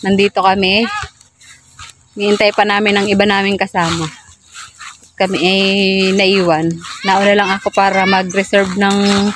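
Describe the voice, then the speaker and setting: A woman's voice: mid-range voice, little pitch movement, moderate pace, pauses often, fairly bright tone, slight background noise. A woman vlogger giving a casual, chatty tour outdoors, exclaiming and repeating short phrases, on amateur audio. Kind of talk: casual handheld resort tour narration. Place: outdoors at a resort.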